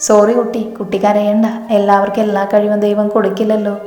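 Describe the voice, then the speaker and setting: A woman's voice: mid-range voice, completely flat delivery, quick pace, mellow, natural voice. A woman voicing a gullible, good-natured young man in a library who keeps apologizing to a crying girl. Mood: apologetic. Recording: echoey room with music behind.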